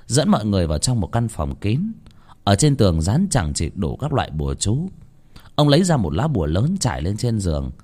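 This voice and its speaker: A man narrating a ghost story in a lively, expressive way. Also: on the low side.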